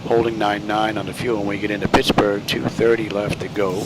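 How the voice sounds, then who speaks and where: A man's voice: on the low side, a little fast. A man giving casual, matter-of-fact pilot commentary on the progress of a flight. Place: small cockpit trainer. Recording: steady loud cockpit hum. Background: air conditioning-like engine hum.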